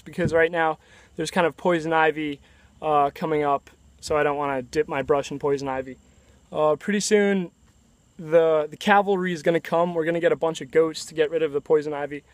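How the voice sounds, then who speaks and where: Young male DIY vlogger, pitch a touch high, easygoing and rambling with restarts, recorded outdoors with faint insect noise. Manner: relaxed and chatty, with halting restarts. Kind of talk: casual self-filmed video diary. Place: outdoors at a rural building site.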